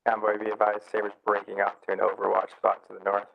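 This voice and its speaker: A man heard over a radio, giving brisk, procedural unit reports in clipped military radio talk during a game. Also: on the low side, monotone, creaky. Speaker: unit leader calling in on the radio. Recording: muffled radio transmission.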